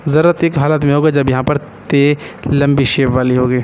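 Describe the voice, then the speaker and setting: A man teaching Quran reading, spelling out each letter and vowel slowly, then explaining the rules in quick asides. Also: medium pitch, fairly even intonation, noisy background. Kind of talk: slow syllable-by-syllable recitation lesson.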